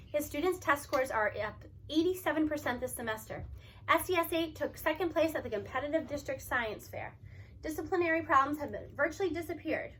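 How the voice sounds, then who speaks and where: The audio is poor as a woman tells a story aloud in the first person. Her high voice has a bright, forward edge, and she reads expressively, emphasizing key words in an animated way.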